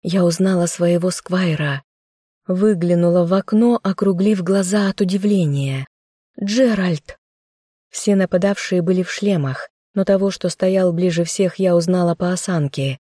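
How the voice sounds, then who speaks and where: A woman's voice: fairly low pitch, normal speed, dark tone, dry recording, studio quality. A woman narrating a fantasy novel in the first person, reading an audiobook.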